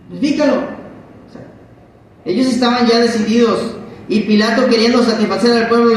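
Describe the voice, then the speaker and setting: A man's voice: high-pitched, a little hiss or hum. A man preaching a Bible-study sermon, asking the congregation questions and acting out quotes. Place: church hall. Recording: very echoey hall from far off.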